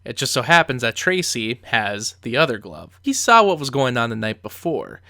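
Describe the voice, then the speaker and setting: A man's voice: medium pitch, big pitch swings, normal speed, gravelly, bright, forceful tone, no echo, clean studio sound. A man giving conversational film commentary as a reviewer, telling the story with emphatic asides.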